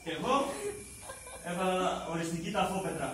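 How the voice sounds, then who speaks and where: A male stage actor performing a bitter, sarcastic monologue in a live theatre, swinging between shouting and muttering. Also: high voice, fairly even intonation. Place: drama school stage. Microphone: far room mic. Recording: very echoey distant stage recording with noise. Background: audience laughter.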